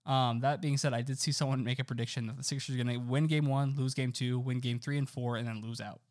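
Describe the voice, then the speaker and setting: A young man co-hosting a casual sports podcast, excitable and leaning on "like" as he talks. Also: mid-range voice, fast talker. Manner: excitable, fills talk with "like". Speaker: podcast co-host.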